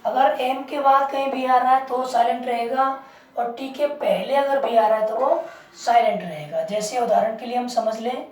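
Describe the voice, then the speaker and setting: A woman's voice: on the high side, steady tone, normal speed. A woman teaching English word pronunciation as a lesson, repeating words and asking the class questions. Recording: roomy, distant mic.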